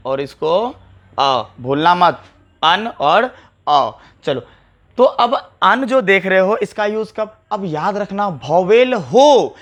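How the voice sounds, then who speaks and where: A man's voice: sits high, a bit bright. A man teaching English grammar on a whiteboard. He repeats key words and puts rhetorical questions to his students. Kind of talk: classroom lecture to camera. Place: classroom with a whiteboard.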